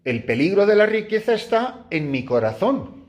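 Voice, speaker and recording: Animated Spanish priest preaching to nuns. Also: male voice, moderate pace. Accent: Spain Spanish. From Spain. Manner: animated storyteller, jumps high acting out his own cries and laughs. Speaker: priest giving a retreat meditation. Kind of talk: spoken retreat meditation to nuns. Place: room with a small group of nuns.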